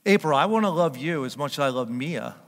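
An older man preaching a sermon as pastor, chatting and joking with his congregation, then rising to loud emphatic peaks. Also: a little high, lively intonation, brisk, long reverb tail. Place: church sanctuary.

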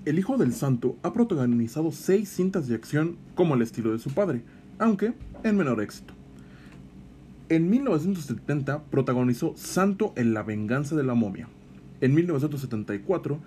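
Male narrator for wrestling profiles, animated intonation, soft dark tone, faint noise. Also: on the high side. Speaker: co-host of a lucha libre show. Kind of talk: scripted biographical narration.

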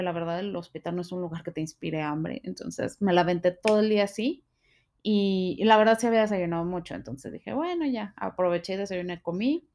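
A woman with a Mexican Spanish accent tells a personal story in an emotional, unscripted way. She keeps filling her speech with small fillers and tag questions. Her pitch sits in an ordinary middle range. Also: darkish tone.

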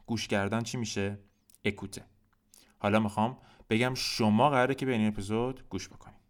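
A man teaching a podcast language lesson, explaining patiently and slowing down to spell out each example phrase. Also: medium pitch. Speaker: French teacher. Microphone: podcast microphone.

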